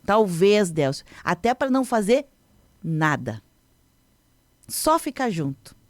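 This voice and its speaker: A woman's voice: mid-range voice, big pitch swings, slow, no room sound. Woman radio host, dry and close. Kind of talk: radio talk show, reading a story aloud.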